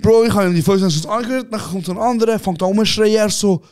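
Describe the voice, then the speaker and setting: Ein junger Mann aus der Schweiz mit Schweizerdeutschem Akzent, Co-Host eines Podcasts, der eine Ferien-Anekdote lebhaft und aufgedreht erzählt und andere Leute laut nachspielt. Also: male voice, sits high, fast talker, slight background noise. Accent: Swiss German. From Switzerland. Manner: excited anecdote telling, acting out other people with shouts, calls the other host "Bro". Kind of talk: casual chat, animated storytelling.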